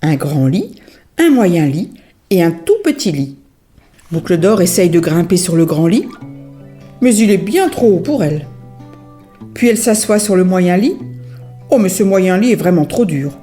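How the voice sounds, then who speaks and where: A woman storyteller reading a children's story aloud in an expressive, sing-song manner. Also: on the low side, a little slow, pauses often, soft background music.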